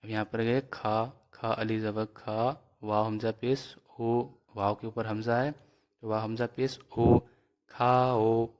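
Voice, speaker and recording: A man teaching a reading lesson, spelling out letters and vowel marks slowly and then blending them into words. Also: lowish voice, flat delivery, darkish tone.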